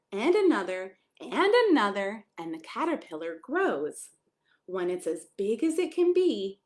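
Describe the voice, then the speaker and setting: A pastor, a woman with a mid-range, slightly mellow voice, reads a picture book aloud to young children. She reads expressively, adding friendly asides, questions, and exclamations.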